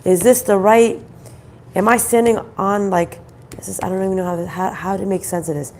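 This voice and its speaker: A woman gives an intuitive card reading in a groggy, gravelly voice that sounds off from throat trouble. She speaks conversationally and haltingly, circling back over phrases and asking questions. There is faint noise in the background. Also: mid-range voice, fairly even intonation, darkish tone. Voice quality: groggy, croaky voice. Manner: halting, repeats phrases, asks rhetorical questions. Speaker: spiritual card reader, host.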